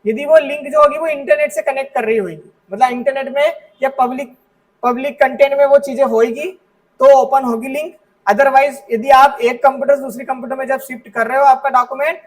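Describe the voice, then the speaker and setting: High-voiced man teaching a computer class. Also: distant mic, low-quality recording. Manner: explains step by step, often checks understanding with "ठीक है". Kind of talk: classroom software lesson. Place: classroom with students present.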